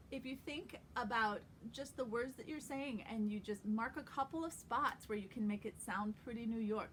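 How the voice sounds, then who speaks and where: A woman's voice: on the high side, a bit bright, a little hiss or hum, poor audio. Chatty woman teaching accent sounds. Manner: chatty, demonstrates vowel and consonant sounds aloud. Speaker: acting accent coach. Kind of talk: casual accent lesson.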